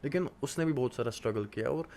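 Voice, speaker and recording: A man's voice: medium pitch, fast, darkish tone. A man in his twenties from Kashmir, a podcast guest, talking about hard work in an earnest, motivational way with many hesitant fillers. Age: 20s. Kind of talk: casual interview talk.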